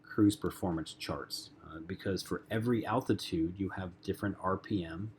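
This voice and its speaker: A man's voice: low-pitched, moderate pace, a little mellow, slight background noise. A man teaching a flight lesson in a casual, conversational way, with frequent ums and uhs. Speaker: flight instructor. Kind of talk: lecture-style flight lesson.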